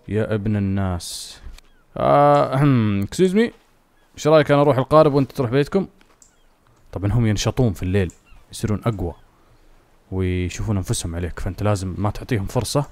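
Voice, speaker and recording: A man's voice: lowish voice, dark tone. A young man giving jokey, easily spooked commentary while playing a survival game for his viewers. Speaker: gaming host. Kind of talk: casual let's-play commentary.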